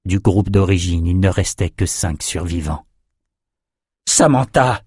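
A man reading a fantasy novel aloud in measured, dramatic scripted narration. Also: low-pitched, fairly even intonation, dark tone, slightly rough, no echo, studio quality. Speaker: audiobook narrator.

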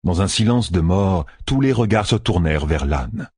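A man reads a fantasy audiobook in a very deep, husky voice. His delivery is lively and expressive. The recording is dry and close. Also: normal speed, no room sound. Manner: expressive storytelling. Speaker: audiobook narrator. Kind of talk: scripted fantasy narration.

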